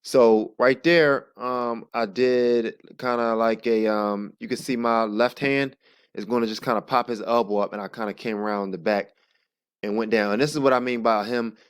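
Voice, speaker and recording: A man narrating sparring footage in a casual, halting play-by-play, thinking aloud as he explains each move. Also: mid-range voice, steady tone, clean tone. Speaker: jiu-jitsu practitioner narrating own sparring footage.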